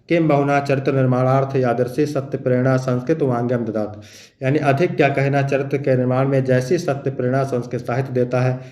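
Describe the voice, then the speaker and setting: A man's voice: mid-range voice, darkish tone. Man teaching, echoey room. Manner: addresses students affectionately, reads verses then explains them. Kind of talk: exam-prep lecture.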